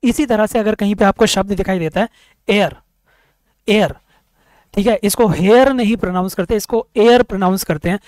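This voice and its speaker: A man teaching English grammar for exam preparation, repeating words slowly, sounding out each vowel and answering his own questions. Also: sits high, darkish tone, no room sound. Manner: asks questions then answers them himself. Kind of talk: exam-prep grammar lecture.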